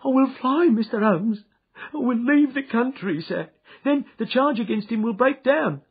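A man voicing a panicked young male thief who pleads and confesses in a high, desperate voice. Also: expressive, moderate pace, husky. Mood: frantic. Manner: shrieking, desperate, sobbing. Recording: dull lo-fi recording.

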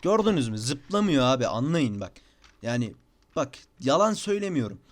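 A man's voice: medium pitch, very animated, normal speed, very noisy. A young man with a Turkish accent, talking casually at his computer through a tutorial, repeating himself and sounding a little exasperated. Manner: chatty, repeats "bakın" and "abi", slightly exasperated. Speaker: gaming tutorial youtuber. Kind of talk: casual screen-recorded tutorial. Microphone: desk microphone.

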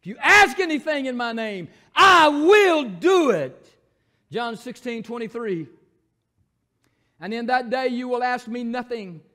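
A man with a Southern accent, a pastor preaching a sermon in church, moving between shouted scripture and quiet, folksy asides. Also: expressive, normal speed. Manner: preaching, swings from shouted proclamation to low asides. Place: church sanctuary.

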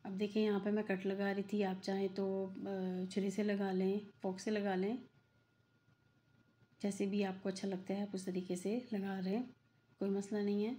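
There's a little hiss or hum behind this warm, mid-range female voice, delivered at a normal, level pace. A middle-aged cooking channel host, she narrates from her home kitchen in a chatty, repetitive manner full of fillers.

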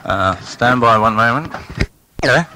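A man's voice: medium pitch, lively intonation, measured pace, background noise. A man roving around a farmhouse doing casual on-site interviews for a site radio station, chatty and full of fillers. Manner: chatty, rambling with many fillers.

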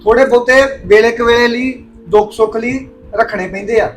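An actor playing a young husband who calmly reasons with his mother. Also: very high-pitched, moderate pace, faint music behind. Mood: placating. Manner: reasoning, placating. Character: calm young husband mediating family. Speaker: husband and son. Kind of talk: family drama acting.

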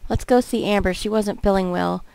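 A woman's voice: mid-range voice, normal speed, gravelly, darkish tone, smooth, no echo, natural voice. A woman voicing a stern, protective teenage boy in a dating game, in her own plain reading voice.

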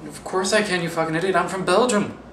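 A young man acting in a homemade comedy sketch, talking deadpan and breaking into indignant rants. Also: high voice, quick pace, noisy background. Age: young adult. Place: small apartment kitchen, indoors. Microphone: camera mic from across the room. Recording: roomy, distant camera sound.

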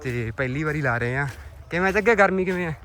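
Male village vlogger, Malwa Punjabi accent. Bright, forceful, higher-set voice, informal chatty commentary, open-air farm. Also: lively intonation, quick pace. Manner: chatty, addresses viewers and friends informally. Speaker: vlog host. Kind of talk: casual farm vlog commentary. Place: outdoors in a farm field.

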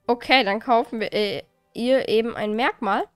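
Woman doing let's play commentary, a bit high-pitched, chatty and exasperated, quiet music underneath. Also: normal speed, clean tone, no echo. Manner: chatty, exasperated, swears lightly. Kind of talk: casual gameplay commentary.

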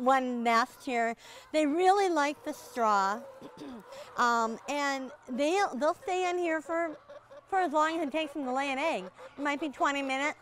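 A middle-aged woman farmer from Minnesota chats easily in a casual interview while giving an outdoor farm tour, folksy and easygoing with lots of "you know" fillers. Her voice is a little high and a bit bright, with slight background noise.

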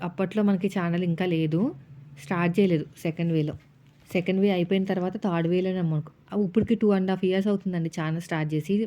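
A woman's voice: lowish voice, mellow. A woman, a housewife vlogger, chatting casually as she narrates her day and retells family arguments. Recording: dull lo-fi sound.

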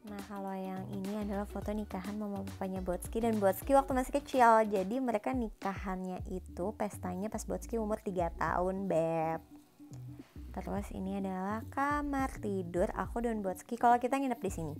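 Young woman with a gravelly, easygoing tone. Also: medium pitch, moderate pace, darkish tone, faint music behind. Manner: easygoing, describing rooms one after another. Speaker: vlogger giving a house tour. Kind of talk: casual house tour voice-over.

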